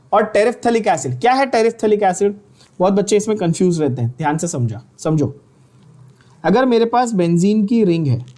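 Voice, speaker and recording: A man with an Indian accent and a high, somewhat mellow voice gives an online chemistry lecture. As the teacher, he frequently quizzes his students and repeats key terms while scolding them teasingly.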